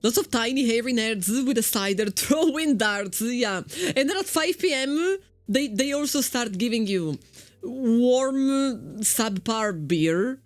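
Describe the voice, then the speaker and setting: A woman's voice: on the high side, lively intonation, takes it slowly, dry recording, faint music behind. A woman with an Italian accent giving casual, chatty game commentary as a streamer, often repeating her first words. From Italy. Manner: chatty, repeats words when starting sentences.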